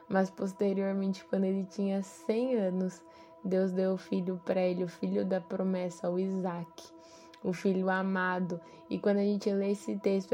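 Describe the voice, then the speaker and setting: A woman reading a scripture passage and then giving a short devotional reflection, speaking hesitantly with many pauses and fillers. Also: medium pitch, warm tone.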